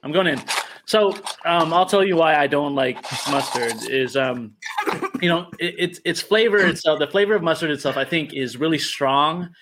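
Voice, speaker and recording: A man hosting a casual group livestream, speaking a touch higher than most men. He rambles playfully and keeps restarting his sentences. Faint noise sits behind his voice. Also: normal speed. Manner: rambling, self-correcting, playful.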